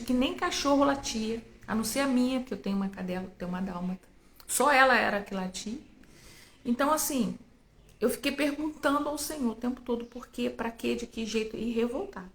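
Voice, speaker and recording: Brazilian woman preacher, gravelly, emotional storyteller who talks straight to the congregation. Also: fairly high pitch, reverberant. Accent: Brazilian Portuguese. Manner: emotional, storytelling, addresses listeners as "gente". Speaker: preacher sharing a testimony. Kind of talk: spoken testimony to a church audience.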